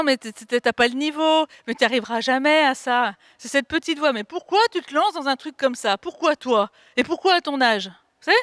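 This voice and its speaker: Woman, high pitch, dry sound, wellness coach on a video call, lively questioning. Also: no room sound. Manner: lively, rhetorical questions, frequent "ok?" check-ins. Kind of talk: online video workshop.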